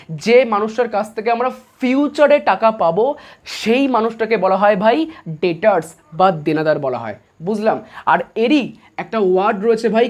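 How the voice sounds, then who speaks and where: A man's voice: sits high, darkish tone. A man teaching commerce online. He talks casually, asks his students quiz questions and repeats each point before answering it himself. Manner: casual, chatty, calls students guys and brother. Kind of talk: online lesson.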